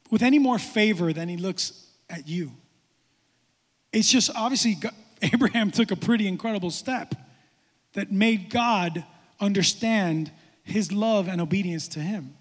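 A male pastor with a high-pitched voice preaches to young adults in an animated sermon. He moves from quiet, reflective talk to loud, excited exclamations. A long reverb from the hall trails behind each phrase.

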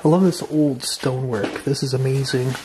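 A man hosting an exploring vlog, walking through an abandoned farmhouse and reacting with excited, wondering remarks into his camera mic. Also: medium pitch, normal speed, slight background noise. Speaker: urban explorer host. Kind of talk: walkthrough vlog narration. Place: abandoned stone farmhouse, indoors.

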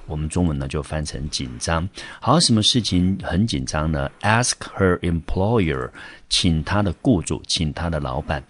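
Male teacher with a Taiwanese Mandarin accent, deep and dry, calmly walking through vocabulary. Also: no room sound. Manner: patient, explanatory, many "好" and "呢" fillers. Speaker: English teacher. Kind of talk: vocabulary lesson explaining example sentences.

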